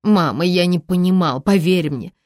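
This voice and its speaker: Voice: medium pitch, normal speed, darkish tone, dry recording, clean studio sound, pitched above the performer's own voice, natural voice. An audiobook narrator voicing a heartbroken grown son who pleads with his mother. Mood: desperate. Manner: pleading, tearful.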